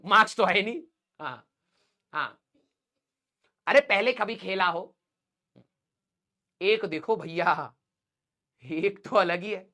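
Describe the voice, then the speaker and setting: A man's voice: sits high, extremely slow, long pauses, bright, forceful tone. Casting: a man as a playful, joking physics teacher who teases his online students, laughs a lot and tosses in English physics terms. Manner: teasing, playful, laughs often; mixes English physics terms into casual speech. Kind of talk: joking banter in a live online class.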